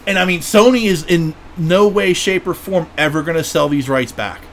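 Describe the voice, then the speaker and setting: A fairly high-voiced man hosting a podcast, rambling in an excitable way and swearing freely. He piles on "like" and "you know" as he talks, with faint ambient hiss underneath. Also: moderate pace. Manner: excitable, profane fan talk with many fillers. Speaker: podcast host. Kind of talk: casual chat.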